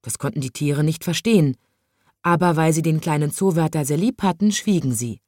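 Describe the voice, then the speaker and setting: A woman narrating a children's storybook in an even, measured reading voice. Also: deep voice, no echo, studio quality.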